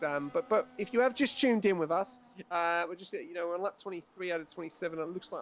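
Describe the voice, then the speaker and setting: A man's voice: a little high, a little hiss or hum. A man commentating a sim racing league, laid-back with many fillers, reading out the running order. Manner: laid-back, many fillers, builds excitement at race starts. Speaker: race commentator.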